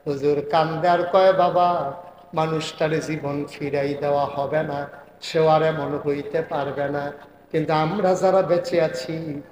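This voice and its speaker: Impassioned male preacher, echoing loudspeaker. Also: level tone, a little slow. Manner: impassioned, swinging from loud chanting cries to low storytelling. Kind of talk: Bengali waz sermon.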